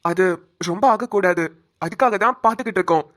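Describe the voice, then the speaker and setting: A composed cartoon doctor, voiced by a woman, explains a grave situation in a calm, soothing manner. The voice sits at an ordinary middle pitch. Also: quick pace, lightly acted. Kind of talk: cartoon voice acting.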